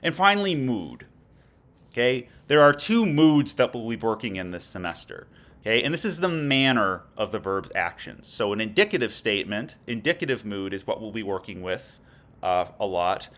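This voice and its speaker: Lower-voiced man teaching a lecture. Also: sing-song, normal speed, a bit bright. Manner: explanatory, frequent "okay?" check-ins. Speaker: Latin teacher. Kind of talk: recorded lecture.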